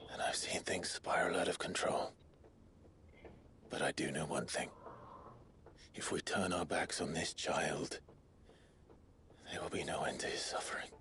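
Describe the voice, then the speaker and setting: A man playing a grave, compassionate warrior in a video game drama, speaking in a slow, measured, gentle and hushed way. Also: sits low. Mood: solemn, earnest. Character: grave, compassionate male warrior easing a frightened child's burden.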